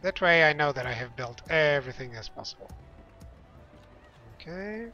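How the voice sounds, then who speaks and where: With a sharp, somewhat high voice and lively intonation, a young man talks at normal speed while streaming a strategy game. He chats casually with viewers, rambling and laughing easily in let's-play style. The sound is a bit dull and lo-fi, with game music in the background.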